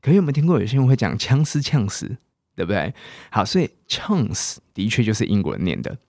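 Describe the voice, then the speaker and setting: A man with a Taiwanese Mandarin accent, hosting a casual podcast English lesson and coaxing listeners to repeat example words slowly. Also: on the low side, sing-song, creaky, darkish tone, no echo, studio quality. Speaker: English teacher and podcast host.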